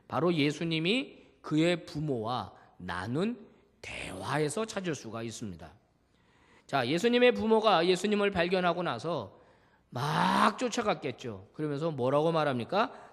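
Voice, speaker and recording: A male pastor giving a Sunday sermon, preaching with animation and acting out the voices he quotes. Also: fairly high pitch. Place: church sanctuary. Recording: reverberant church hall.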